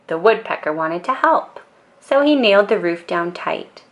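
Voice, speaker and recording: A woman storyteller narrating a children's bedtime book in a calm, expressive and deliberate way. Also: fairly low pitch.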